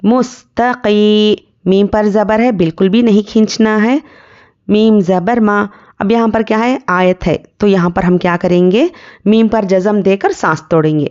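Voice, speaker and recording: Woman teaching recitation letter by letter, calm and drawn out, smooth voice, kinda dull lo-fi sound. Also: medium pitch. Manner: patient, drawn-out syllable-by-syllable drilling with rhetorical questions. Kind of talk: tajweed lesson, spelling out letters and vowel marks slowly.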